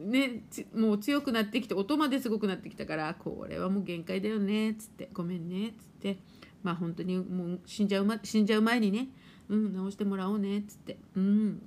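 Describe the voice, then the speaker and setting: A middle-aged woman hosting a casual live stream, chatting and laughing as she reads viewer comments and playfully acts out her washing machine. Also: medium pitch. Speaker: live-stream host and spiritual therapist.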